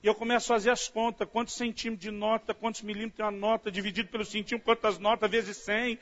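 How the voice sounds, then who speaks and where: A man with a Brazilian Portuguese accent preaching a sermon in an animated storytelling manner, often calling his listeners "dear". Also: high-pitched, fast talker. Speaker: pastor. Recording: dull lo-fi audio.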